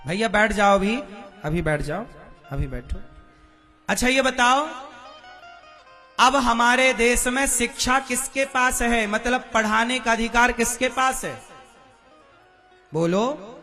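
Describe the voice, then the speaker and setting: High-pitched, slow male preacher. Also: steady tone, pushed and bright, faint music behind. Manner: questioning the crowd, demanding answers. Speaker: religious preacher. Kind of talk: devotional sermon to a live audience.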